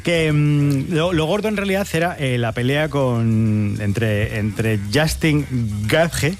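A man's voice: a little high, takes it slowly, faint music behind. A man from hosting a satirical news commentary, with ironic, sarcastic asides. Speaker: host.

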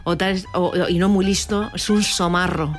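A woman's voice: lowish voice, fairly even intonation, normal speed, faint music behind. A woman from Madrid, a regular on a radio chat show, chatting and agreeing with the others.

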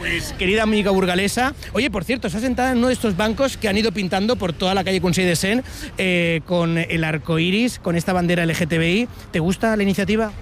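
A man with a high voice interviews passers-by on a city street for a playful vox pop, chatty and teasing with quick asides. There's slight background noise.

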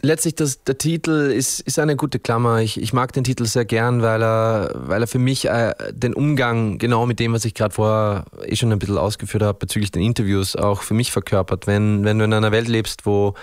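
Austrian frontman, low voice, dry studio sound, talks in restarts. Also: steady tone, brisk, hardly any pauses, no room sound. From Upper Austria. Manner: thoughtful, searching for words, many restarts. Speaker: band frontman, guest. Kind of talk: radio interview.

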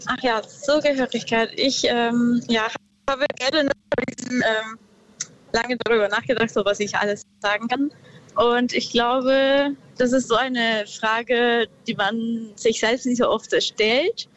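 A woman from Peru, calling in to a radio show from her car and speaking slowly and thoughtfully, with many pauses. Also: on the high side, steady tone, muffled recording, slight background noise. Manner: slow, thoughtful, hesitant. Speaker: caller. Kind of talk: radio call-in.

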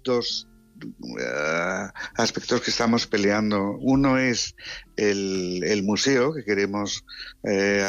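A man from Madrid, a guest in a radio interview, speaking earnestly with halting restarts. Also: fairly low pitch, dull audio. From Madrid, Spain.

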